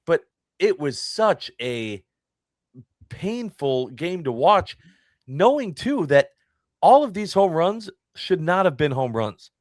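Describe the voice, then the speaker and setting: Exasperated young man, lively voice. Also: slow pace, no echo, studio quality. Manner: exasperated storytelling, swings up in pitch. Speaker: podcast co-host. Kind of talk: casual sports chat.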